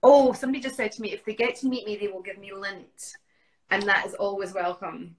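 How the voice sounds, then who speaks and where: A Scottish woman in her forties chats casually as a guest on a video call from a room in her home, reading out viewers' greetings through her webcam. Her Scottish-accented voice is medium in pitch, with fairly even intonation and a slightly fast pace, and the recording is rough.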